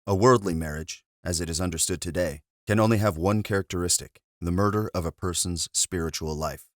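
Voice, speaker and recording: A man, a monk, reading a spiritual book aloud in a measured, earnest way after a brief casual intro. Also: deep voice, dry recording, studio quality.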